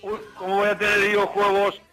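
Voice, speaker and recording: A man from with a gravelly voice, answering hesitantly and singing haltingly on a comedy radio show. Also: high voice, monotone, bright, forceful tone, faint music behind. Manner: hesitant, repeats himself, sings haltingly.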